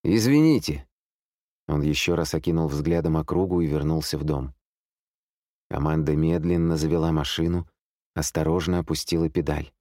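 Deep-voiced man narrating a thriller. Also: no echo, studio quality. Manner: calm, measured, suspenseful.

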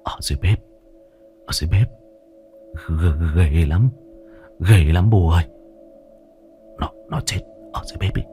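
A man's voice: low-pitched, unhurried, pauses often, mellow, soft background music. A man doing a stammering, terrified young drunk. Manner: stammering, breathless, panicked.

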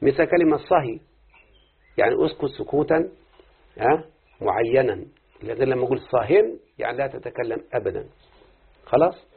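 A man's voice: medium pitch, lively intonation, fast talker, gravelly, slightly rough. A man teaching Arabic grammar, often quizzing his students with questions. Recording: tinny phone-like recording.

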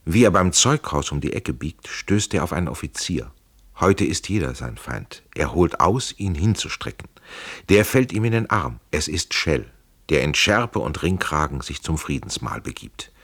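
A man's voice: very deep voice, sing-song, normal speed, fairly bright tone, husky, no echo. A man narrating an audiobook in a dramatic, vivid storytelling manner, close to a studio mic.

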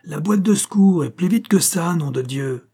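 A man's voice: mid-range voice, lively intonation, a little fast, warm tone, slightly rough. A man voicing a pompous, self-important theatre director in his fifties who bellows and swears. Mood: bellowing. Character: pompous loud fiftyish male theatre director.

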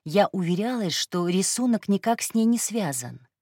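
A woman reading a first-person story aloud in a calm, even narration. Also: mid-range voice, normal speed, no room sound, studio quality. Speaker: audiobook narrator.

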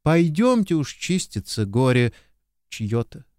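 A man reading an audiobook, voicing a lively, bossy young woman who teases as she gives orders. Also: mid-range voice, takes it slowly, no echo, clean studio sound. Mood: chirpy. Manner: chirpy, playfully commanding.

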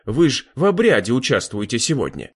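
A man voicing a sly, evasive old village elder who speaks slowly in a folksy, smiling way. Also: mid-range voice, wildly swooping pitch, breathy edge.

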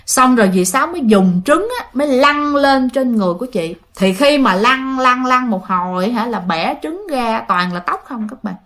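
A woman's voice: fairly high pitch, animated, moderate pace, hardly any pauses, a bit bright. A woman telling a ghost story in a chatty, casual way, often speaking to her listeners. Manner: chatty, addresses listeners, many fillers.

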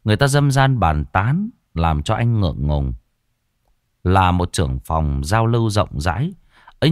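A man narrating a ghost story in an expressive, dramatic way. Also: low voice, no room sound, studio quality.

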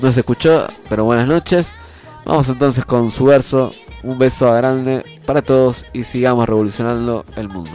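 A man's voice: mid-range voice, moderate pace. A man with an Argentine accent and a nasal voice stuffed up by a cold, hosting a community radio show in a conversational, earnest way. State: congested with a cold. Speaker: radio host. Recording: music playing under the voice.

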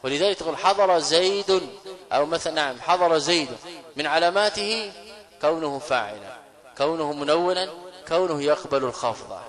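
A man, a scholar teaching grammar in a classroom lecture, who asks questions and answers them himself and slowly repeats key phrases. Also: a little high, lively intonation, a bit bright.

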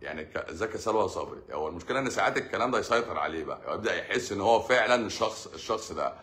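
Sarcastic egyptian man, deep bright voice. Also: lively intonation, racing. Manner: sarcastic, joking, acts out patients' lines. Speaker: doctor hosting a live stream answering comments. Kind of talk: casual live Q&A.

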